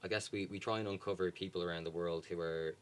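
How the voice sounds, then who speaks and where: Man, Dublin accent, very deep voice, young adult, interview guest, faint background noise. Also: fast. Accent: Irish, Dublin. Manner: relaxed, many ums and restarts. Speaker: charity guest. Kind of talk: casual interview.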